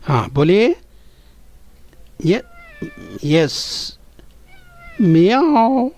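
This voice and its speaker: A male primary school teacher with a somewhat high voice, coaxing young pupils through a recorded lesson. He speaks patiently, spells out each phrase slowly, and keeps urging the children to listen and repeat. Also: expressive. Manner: addresses the children constantly, coaxing and encouraging.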